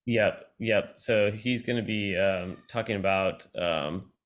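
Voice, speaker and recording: A man's voice: lowish voice, takes it slowly. A young man producing a conference, talking in a laid-back way with many fillers in a casual video chat. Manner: laid-back, lots of yeahs and ums.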